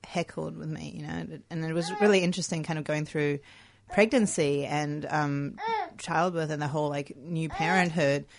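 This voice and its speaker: Low-voiced Australian woman, radio chat. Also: steady tone, normal speed, creaky, hardly any pauses, crowd noise. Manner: reflective, hesitant, many fillers, laughs easily. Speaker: radio co-host. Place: radio studio.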